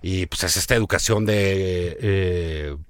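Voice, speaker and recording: A man's voice: low-pitched, slow, clean tone, dry recording, clean studio sound. A man with a Mexican accent co-hosting a casual political chat, easygoing and agreeable. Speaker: co-host.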